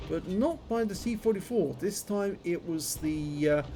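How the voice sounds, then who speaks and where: A man's voice: high-pitched, lively intonation, a little slow, mellow, slight background noise. A man giving running commentary on a video game, his speech slightly impeded by a numb, toothache-swollen jaw. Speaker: gameplay commentator.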